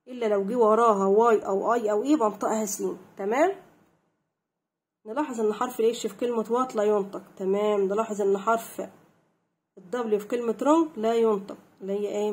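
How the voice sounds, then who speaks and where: A young woman with an Egyptian Arabic accent teaches English in a voice on the high side. She reads each English line slowly and clearly, then translates and explains it, and she poses questions that she answers herself.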